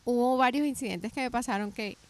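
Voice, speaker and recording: Lively woman telling her story. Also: on the high side, fairly quick, no echo. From Colombia. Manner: animated storytelling with many restarts and self-corrections. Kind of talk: casual faith podcast chat.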